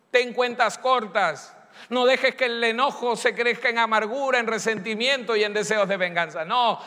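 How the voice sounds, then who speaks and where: A man preaches a sermon from the pulpit, emphatic and dramatic as he acts out pleas and excuses. His voice sits high and rings bright. The long echo of a church hall trails every phrase. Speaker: pastor.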